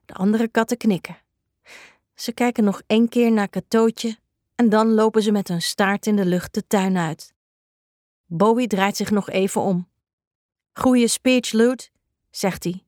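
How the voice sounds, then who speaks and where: A woman narrating a children's story in a slow and even way. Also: mid-range voice, no room sound, studio quality.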